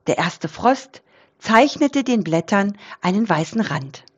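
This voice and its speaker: Woman storyteller, animated and slow, for children's audio. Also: mid-range voice, dull audio. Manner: expressive, unhurried.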